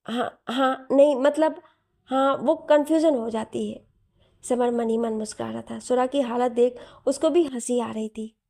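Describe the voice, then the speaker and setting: A woman storyteller narrating a romance story in a steady, plain way. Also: a little high, normal speed, vocal fry.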